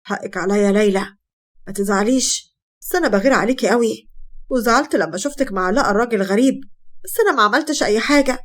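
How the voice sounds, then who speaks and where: A jealous, violent young husband from a told story speaks in an Egyptian Arabic accent, as a woman puts him on. He rattles his words out quickly and harshly, always bullying. The voice sits fairly high. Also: lightly acted. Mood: coaxing.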